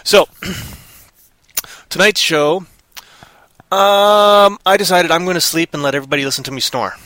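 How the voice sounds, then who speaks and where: A man's voice: on the high side, unhurried, sharp tone, no echo. A man from Canada hosting a live online show in a casual, rambling chat, playful and ranting, who slips into silly voices.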